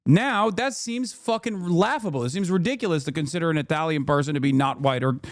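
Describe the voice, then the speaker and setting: A man's voice: a little high, a little fast. Blunt, profane man ranting on stream. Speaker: streamer reacting to clips. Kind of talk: heated live-stream commentary.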